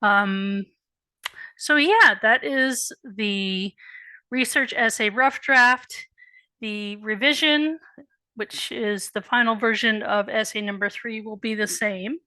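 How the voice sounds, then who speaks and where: A woman instructor with a bright, tense tone walks students through an assignment, a bit worn as she loses her voice. She is patient, repeats the key points and drops in candid asides. The sound is close and dry. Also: mid-range voice, steady tone, slow, smooth, no echo. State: losing her voice. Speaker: college writing instructor. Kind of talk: recorded assignment walkthrough.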